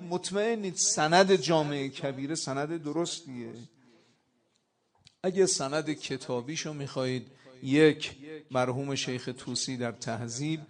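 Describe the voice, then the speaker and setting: A man preaching a sermon with passion, rising loud on quoted Arabic and key points. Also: mid-range voice.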